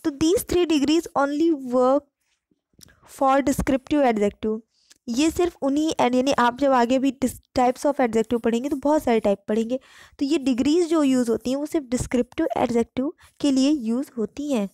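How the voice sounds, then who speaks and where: A woman teaching English grammar in Hindi. She reads the English example sentences slowly and clearly. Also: high-pitched, dark tone, dry recording, studio quality. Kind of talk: online grammar lesson.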